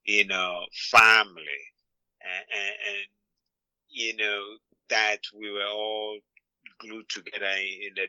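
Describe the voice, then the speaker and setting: A middle-aged man from Ghana answering interview questions in a measured way, often repeating words as he thinks. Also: lowish voice, fairly even intonation, bright, forceful tone, clear, resonant tone, no echo, lo-fi sound. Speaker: interview guest.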